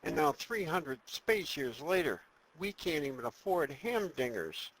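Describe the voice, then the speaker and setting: A man's voice: on the high side, lively intonation, a little slow, fairly bright tone, slight background noise, rough recording. A man playing a cautious, deferential advisor to an evil space emperor, formal and wary, in a comedic audio drama. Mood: dutiful.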